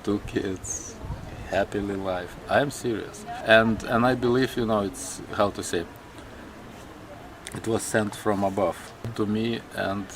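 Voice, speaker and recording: A man from Lithuania with a Lithuanian accent, a native Lithuanian speaker, telling his story in an interview in slow, halting English full of restarts. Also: lowish voice, steady tone, noisy background. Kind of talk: personal interview.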